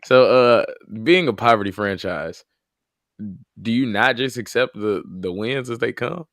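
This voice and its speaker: A man's voice: medium pitch, a little slow, dry recording, studio quality. A man co-hosting a podcast, teasing and arguing about football in casual chat. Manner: teasing, swings from mumble to loud bursts. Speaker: podcast co-host.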